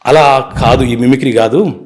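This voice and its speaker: A man, an advocate telling his life story in an interview, earnest and brisk, mixing in English words. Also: mid-range voice, a little mellow.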